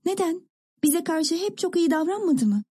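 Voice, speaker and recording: A woman's voice: very high-pitched, animated, normal speed, dark tone, voice pushed up. A woman voicing an impatient little girl who asks breathless, eager questions. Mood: puzzled. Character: excitable little girl, younger sister, impatient.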